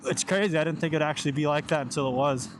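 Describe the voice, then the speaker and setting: Riding along with his helmet on, this young motovlogger chats informally in a slightly high voice, speaking quickly, drifting between topics and dropping some mild swears. Constant engine and road noise sits under his rambling talk.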